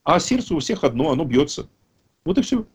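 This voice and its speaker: Speaking at an online recovery meeting, this fifties-aged man from a Russian-speaking background sounds loose but forceful, often stopping to fix what he just said. His pitch is fairly high and swings widely, his pace is a bit quick, and his voice has a breathy edge. The overall effect is rambling and emphatic.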